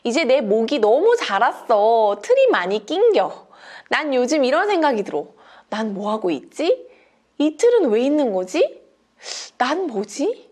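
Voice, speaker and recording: A woman voicing a young giraffe from a picture book, in a bright, eager storybook voice. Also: high-pitched, big pitch swings, unhurried, heavily acted. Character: young giraffe outgrowing its frame, hopeful.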